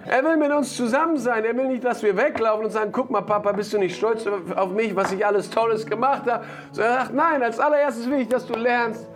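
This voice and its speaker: A man delivers a sermon in a notably high voice, leaning hard on repeated phrases and breaking into brief laughs between lines. Soft guitar plays underneath. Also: fast, few pauses. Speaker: preacher.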